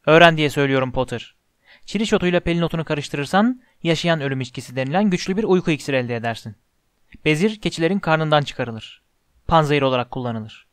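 A man's voice: fairly high pitch, lively intonation, fast, no room sound, clean studio sound, lightly acted. A man reading as Snape, a cold sneering potions master. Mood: scornful. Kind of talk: audiobook character reading.

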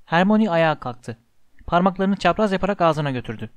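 A man narrating an audiobook in an expressive, measured storytelling manner. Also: high voice, clean tone, dry recording.

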